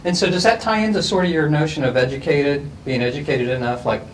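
A middle-aged man moderating a group discussion, asking quick, playful, probing questions in a school library. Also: a little high. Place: large school library, indoors. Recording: distant mic with faint room noise.

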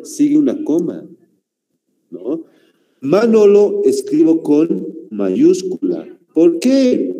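A man with a Bolivian Spanish accent leads a grammar lesson at an unhurried pace, his dark voice rising and falling a lot. He keeps asking his students little questions as he explains each point. Long reverb hangs behind him. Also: medium pitch. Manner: slow explaining teacher, asks rhetorical questions ending in ¿no?. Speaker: teacher. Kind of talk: online class lesson.

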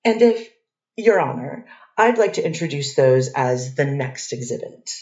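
Speaking at a measured pace, a woman defense attorney examines a witness in court, hesitant and hedging, with frequent restarts. Her voice is extremely low, expressive, and slightly mellow. The recording is distant, with courtroom echo.

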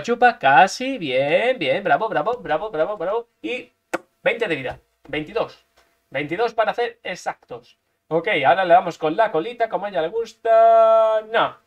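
A man's voice: high voice, animated, normal speed. A man from Spain, commentating his own gameplay live, playful and full of repeated sound effects. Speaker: gaming streamer.

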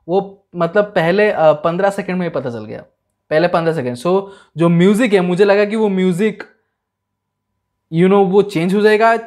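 A young man hosting a music reaction, talking casually and excitedly, dropping "man" and "bro" and switching between English and Hindi. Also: sits high.

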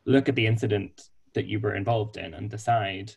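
A man presenting on a video call panel, explaining sailing rules patiently and clearly. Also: on the low side, steady tone, normal speed, a little mellow. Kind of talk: online panel discussion.

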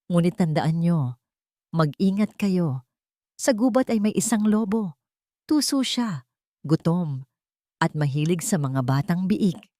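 A woman's voice: fairly low pitch, expressive, takes it slowly, pauses often, warm tone, no room sound, studio quality. A woman voicing a caring mother pig who warns her piglets in a storybook tale.

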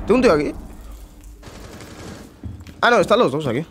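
A young Spanish man with a Spanish accent, calling out his own game from his bedroom. His voice sits high and swings wildly in pitch, dropping to low mutters and bursting into shouts, with heavy swearing. A faint hiss sits under his voice. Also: very animated, normal speed. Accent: Spain Spanish. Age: young adult. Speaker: gamer streamer. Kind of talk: live gameplay commentary. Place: bedroom at home.

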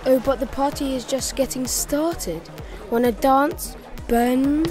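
A woman voicing a scheming villain doctor in a cartoon toy play, with slow, theatrical menace. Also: high-pitched, music in the background. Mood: gloating menace.

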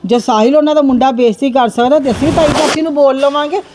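A woman acts out a sharp-tongued aunt who scolds and lectures without pause, her voice pitched fairly high. She fires back quick retorts over a faint hiss of background noise. This is a home-made family skit. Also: fairly even intonation, natural voice. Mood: scolding. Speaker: aunt Manju scolding the son. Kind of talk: amateur family skit acting.

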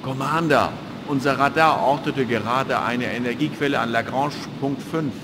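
A man's voice: mid-range voice, normal speed, background noise, close to an everyday voice. A man playing a dutiful military radar officer, giving formal reports in a video game cutscene. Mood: matter-of-fact. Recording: echoing hall, music behind.

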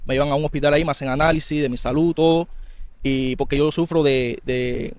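A Cuban man with a Cuban accent, an interviewee earnestly recounting his own experience in a quick, tumbling way. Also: fairly high pitch, fairly even intonation, a little mellow, a little hiss or hum. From Cuba. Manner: earnest, quick, tumbling narration with small restarts. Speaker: interviewee, former political prisoner. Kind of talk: recounting a personal story in an interview.

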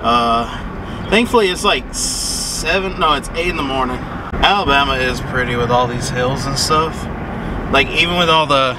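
Here a young man chats aimlessly about his travels for his vlog, using a camera held in hand or propped up. He's in a parked truck cabin and on outdoor trails, where background noise from the vehicle and outdoors is clear. His voice is mid-range at normal speed.

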